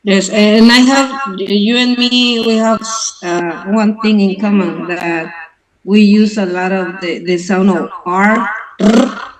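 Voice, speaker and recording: Slow, halting Mexican Spanish-accented woman. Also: mid-range voice, fairly even intonation, a crowd in the background, rough recording. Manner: hesitant, many fillers and restarts. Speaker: club member. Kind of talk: casual online conversation. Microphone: video call.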